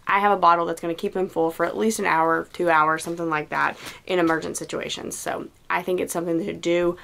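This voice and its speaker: A woman's voice: fairly low pitch, creaky, fairly bright tone, slight background noise. A young woman giving casual, chatty practical tips as a mom vlogger, with many "like" fillers. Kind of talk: casual how-to vlog.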